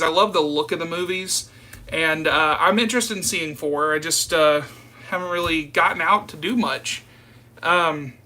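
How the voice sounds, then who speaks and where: A man in his early 30s, from the southern US, runs a live stream and answers comments from viewers in a rambling, informal manner, often saying "you guys." He has a high voice with a bright, forceful tone.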